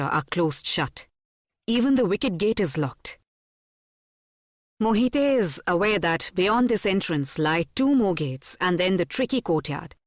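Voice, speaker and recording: A woman narrating a historical audiobook in a measured, dramatic storytelling manner on a close studio mic. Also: lowish voice, no echo. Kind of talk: scripted narration.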